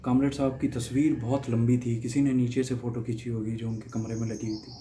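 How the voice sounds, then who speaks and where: Mellow-voiced young man telling a story. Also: medium pitch, level tone, fairly quick, a little hiss or hum. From Haryana, India. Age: young adult. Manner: reflective, conversational, with small laughs and restarts. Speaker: guest reader sharing a personal story. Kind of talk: casual personal storytelling.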